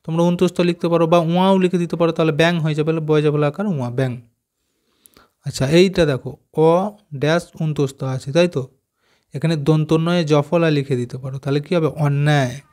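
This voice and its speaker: A man's voice: fairly high pitch, steady tone, a little mellow. A man teaching young children from a schoolbook, spelling words out letter by letter and asking them questions as he goes. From West Bengal, India. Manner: slow, careful spelling out of letters, asks pupils questions. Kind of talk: explaining a primary school textbook.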